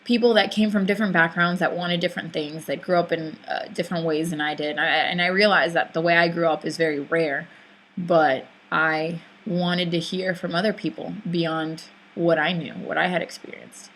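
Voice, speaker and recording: A young woman whose first language isn't English narrates a reflective personal essay, sounding thoughtful but hesitant, with fillers and restarts. Her fairly low voice is steady and fairly bright, delivered at a normal speed. The recording quality is low.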